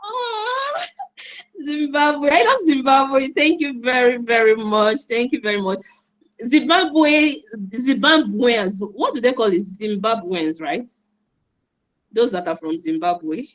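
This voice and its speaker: A woman's voice: on the high side, lively intonation, takes it slowly, low-quality recording. A woman from Nigeria, hosting an online event in an enthusiastic, repetitive, encouraging way over a video call. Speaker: host and moderator.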